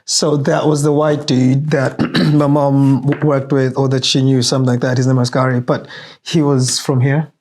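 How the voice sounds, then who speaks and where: A man's voice: medium pitch, level tone, moderate pace, a little mellow. A man with an ordinary mid-range voice chats on a podcast. He tells family stories in a loose, rambling way, full of "like" and the odd swear. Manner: loose, chatty storytelling with frequent "like" and some swearing. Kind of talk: casual podcast conversation.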